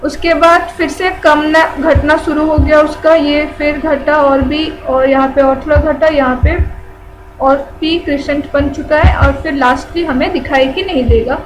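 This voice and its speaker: A woman's voice: high-pitched, steady tone, moderate pace, music in the background, low-quality recording. A woman teaching a general-knowledge lesson, who repeats key terms and asks and answers her own questions.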